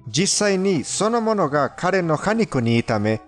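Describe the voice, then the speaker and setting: An animated, high-pitched man with a foreign, non-native Japanese accent narrates unhurriedly as the fandub narrator of a countdown video. He reads scripted creepy countdown stories over background music.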